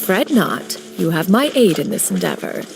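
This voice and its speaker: Xianyun, a formal, dignified adept. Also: female voice, fairly low pitch, moderate pace. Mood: composed. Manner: formal, archaic, calm. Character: dignified, ancient adept woman, composed and formal. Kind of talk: video game voice acting. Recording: game audio with clear music.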